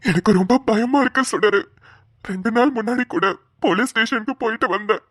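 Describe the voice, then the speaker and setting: A woman's voice: on the high side, quick pace, a bit bright, dry recording, clean studio sound. A woman voicing a grieving middle-aged father in a cartoon, speaking in tearful, despairing pleas. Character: grieving middle-aged father missing his lost son. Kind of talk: cartoon voice acting.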